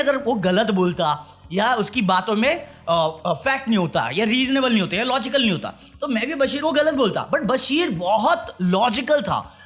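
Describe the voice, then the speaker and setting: A man's voice: very high voice, a bit bright. A man giving a sarcastic, mocking rant as a reality-show commentary vlogger.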